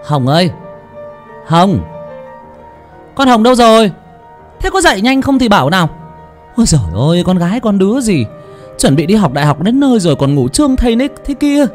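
A man voicing a sharp-tongued, scolding middle-aged mother in a storybook reading. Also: sing-song, quick pace, soft background music. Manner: shrill, nagging, much higher than the reader.

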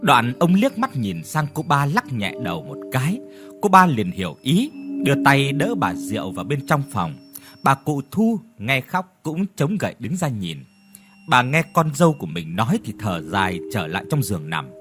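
A man narrates a village ghost story with a lively, rising and falling delivery. He reads every role with expression, and faint music plays underneath. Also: medium pitch, moderate pace. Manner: expressive reading of all roles.

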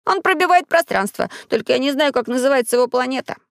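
A woman's voice: high voice, expressive, quick pace, creaky, fairly bright tone, no echo, pitched above the performer's own voice, exaggerated voice. An imaginative young boy explains marvels in a raised, breathless voice, as a woman puts him on. The sound is dry and close. He comes from a children's storybook. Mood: eager.

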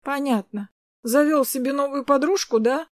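A woman's voice: high voice, normal speed, dry recording, studio quality, natural voice. A woman voicing a jealous, spiteful young woman who taunts and sneers, in a read-aloud story. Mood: taunting.

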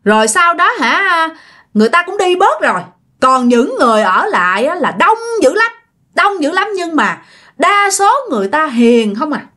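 A woman's voice: high voice, very animated, normal speed, sharp tone, pitched above the performer's own voice, full character voice. A woman voicing the vengeful ghost of a murdered young woman, speaking in a coarse, scolding and threatening way. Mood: scolding, aggrieved.

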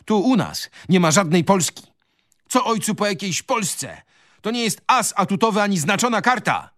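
A man reading aloud, voicing a defiant young son shouting back at his father in a radio reading of a novel. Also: high voice, very animated, normal speed, no room sound, clean studio sound, pitched above the performer's own voice.

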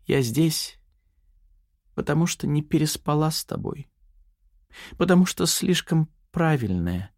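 A man's voice: fairly high pitch, very animated, measured pace, pauses often, a little mellow, no echo, clean studio sound, pitched above the performer's own voice. A man voicing a frightened young woman held captive who speaks with hurt bitterness. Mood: bitter.

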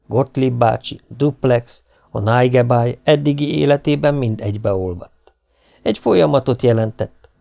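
This audiobook narrator, a man with a medium-pitched voice touched by vocal fry, reads a novel aloud at an even, deliberate storytelling pace.

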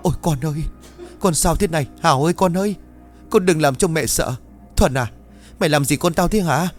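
A man's voice: lowish voice, lively intonation, moderate pace, faint music behind, lightly acted. A man voicing a frightened older village mother who wails and pleads in tears. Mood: wailing panic. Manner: wailing, pleading.

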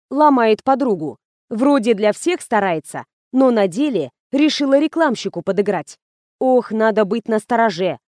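A woman narrating an audiobook in a brisk, wry, lively manner. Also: a little high, no echo, clean studio sound.

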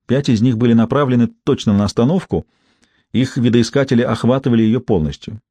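A man's voice: medium pitch, fairly quick, dark tone, no echo. A man narrating a first-person audiobook in a dry, ironic storytelling manner.

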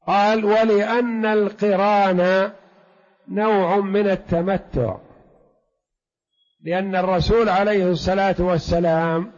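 A man, a sheikh, giving an explanatory religious lesson, posing rhetorical questions and answering them himself, drawing out key phrases slowly. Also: high voice. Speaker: sheikh teaching a commentary on a fiqh text. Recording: dull lo-fi lecture recording.

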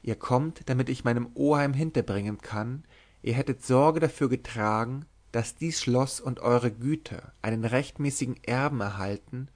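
A man's voice: medium pitch, lightly acted. A man reading aloud, voicing a teasing young noblewoman disguised as a lord, who speaks in a lisping, coy whisper.

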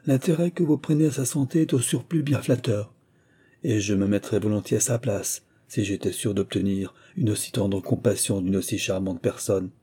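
A man's voice: on the low side, moderate pace, mellow, slightly rough. A man voicing a fussy, evasive village surgeon who rambles and hesitates, in an audiobook. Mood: probing.

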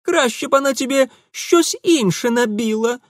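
A man voicing a sharp-tongued, plump red-haired shopkeeper's wife with a Ukrainian accent in an audiobook. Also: extremely high pitch, moderate pace, no echo, clean studio sound, pitched above the performer's own voice. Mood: scolding. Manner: sharp-tongued, then coquettish.

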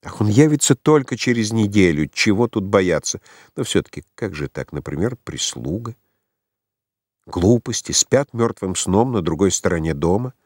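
A man reading the lines of a contented, tender woman in an audiobook, in a soft, lazy manner. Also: on the low side, sing-song, normal speed, no room sound, studio quality. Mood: dismissive.

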